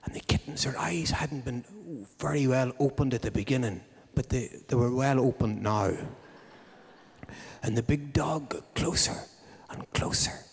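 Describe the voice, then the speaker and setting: A man's voice: mid-range voice, normal speed, vocal fry, husky. A man, hosting a live music show and telling a comic story to the audience with droll timing. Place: live concert hall. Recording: long hall reverb from a live venue.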